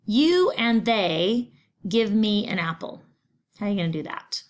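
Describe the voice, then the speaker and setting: A woman's voice: medium pitch, very animated, unhurried. A middle-aged woman, patiently teaching a recorded Spanish lesson, explaining grammar step by step. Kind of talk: recorded remote class lesson.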